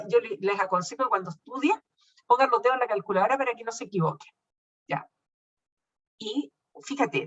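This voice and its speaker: A woman's voice: fairly high pitch, fairly bright tone. A woman lecturing her class, reassuring and checking often that students follow. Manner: reassuring, checks understanding with frequent "¿ya?". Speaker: university teacher. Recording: dull lo-fi sound from a distant mic.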